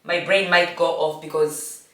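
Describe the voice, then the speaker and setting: A woman in her forties from Namibia recounts her past in a slow, reflective monologue and often stops to restart her sentences. Her voice sits low. She sounds a bit distant from the mic, in a room that echoes. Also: steady tone, fairly bright tone. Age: 40s. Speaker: host. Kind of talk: personal storytelling monologue.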